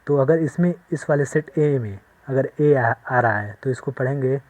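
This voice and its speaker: A man giving a maths lesson at a board, explaining step by step slowly and often checking that the class follows. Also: medium pitch, a little mellow, no room sound. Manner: slow, repetitive explaining with frequent check-ins. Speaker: maths teacher.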